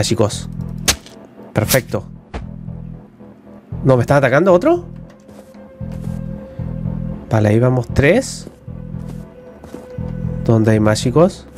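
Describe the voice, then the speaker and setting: A man giving casual let's-play commentary on a horror game, jumpy and talking to his viewers, yelling when he is attacked. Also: mid-range voice. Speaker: gaming YouTuber.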